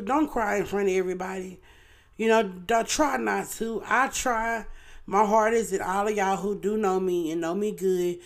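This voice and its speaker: An earnest woman speaking to her viewers in a relaxed, personal way. She talks at a middling pitch and keeps checking in with her audience. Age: adult parent. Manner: earnest, chatty, often asks "you know what I'm saying". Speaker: online show host. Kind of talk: casual heartfelt talk to viewers.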